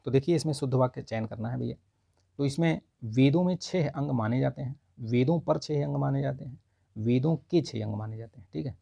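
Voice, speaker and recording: Male tutor, husky and gravelly, casual and explanatory, dry close recording. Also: mid-range voice, mellow, dry recording. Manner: explains answer by answer, says 'ठीक है' often. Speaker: Hindi exam tutor. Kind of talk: casual spoken lesson.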